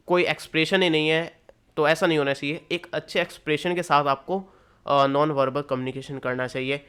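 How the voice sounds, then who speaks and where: Chatty man teaching, smooth clear voice. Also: fairly high pitch, fairly bright tone. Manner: chatty, repeats points with plain rephrasings. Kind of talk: casual lecture explaining slides.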